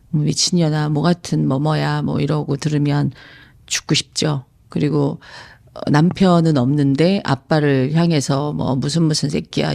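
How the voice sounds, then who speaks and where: A woman's voice: low voice, gravelly, mellow. A woman in her fifties, a psychological counselor, reading out a viewer's letter and answering it in an earnest, reflective radio-style talk. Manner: earnest, reflective, emphatic at times.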